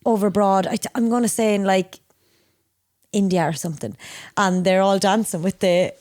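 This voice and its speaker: A woman's voice: medium pitch, normal speed, no room sound, studio quality. A young Irish woman co-hosting a casual podcast, telling crude, rambling stories with a laugh. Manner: lively storyteller, crude banter, frequent laughs. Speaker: podcast co-host. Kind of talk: casual chat.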